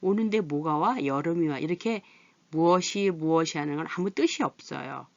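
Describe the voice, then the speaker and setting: A woman's voice: low voice, normal speed, dry recording, muffled recording. A middle-aged woman teaching a patient adult literacy lesson. She asks questions and then answers them herself.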